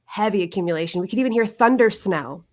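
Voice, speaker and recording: A woman's voice: mid-range voice, fast, a little mellow. A woman meteorologist giving a chatty, cheerful weather forecast on a radio talk show. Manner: cheerful, chatty, laughs easily.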